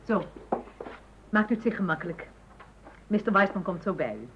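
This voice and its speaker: Brief: actress as a courteous secretary, soft and formal, dull noisy radio-play sound. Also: female voice, medium pitch, expressive, normal speed, lightly acted. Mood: polite. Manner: polite, formal, subdued. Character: polite office secretary. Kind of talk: radio drama acting.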